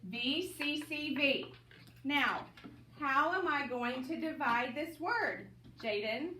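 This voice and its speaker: A woman teacher runs a phonics lesson in a classroom, her high voice upbeat and coaxing as she quizzes students by name. She sounds distant from the mic, and the room is roomy and echoey. Steady noise sits behind her. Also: takes it slowly.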